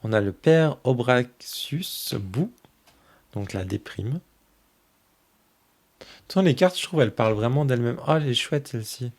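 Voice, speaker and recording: A man hosting a tarot channel, casually flipping through a new oracle deck and fondly commenting on each card in a soft voice that often trails off. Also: mid-range voice, expressive, normal speed, pauses often.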